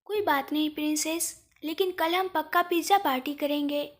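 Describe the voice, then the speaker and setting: A woman's voice: sits high, moderate pace, close to an everyday voice. A woman voicing a cheerful young man who dotes on his niece, in a storybook reading. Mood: amused. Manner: light, amused.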